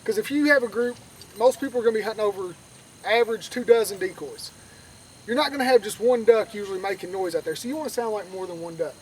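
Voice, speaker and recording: Talking fast in a high-pitched voice, a duck calling instructor leads a casual outdoor lesson in a folksy way, going over points again to drive them home. The recording is distant, picked up outside with faint background noise.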